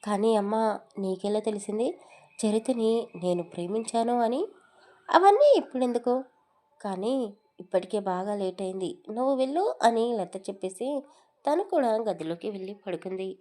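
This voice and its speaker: A woman's voice: medium pitch, moderate pace, dark tone. A woman narrating a romantic audio story with a Telugu accent, voicing every character's dialogue herself.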